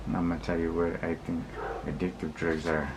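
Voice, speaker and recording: Low, monotone man, noisy recording. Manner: rambling, repetitive, halting, often backtracking; slangy, blunt street talk with swearing. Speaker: vlogger. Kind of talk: casual opinion monologue to viewers. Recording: clearly noisy recording with background ambience.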